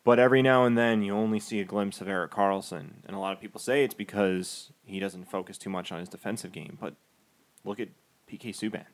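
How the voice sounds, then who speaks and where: A man's voice: lowish voice, fairly even intonation, brisk. A man co-hosting a casual podcast, giving firm, sarcastic opinions about sports. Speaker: podcast co-host.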